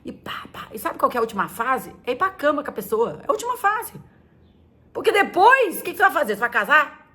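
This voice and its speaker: A woman's voice: very animated, fast talker, sharp tone. A middle-aged woman pastor talking casually and playfully to teenagers, often acting out little scenes. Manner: chatty and playful, acting out quotes in high squeaky voices.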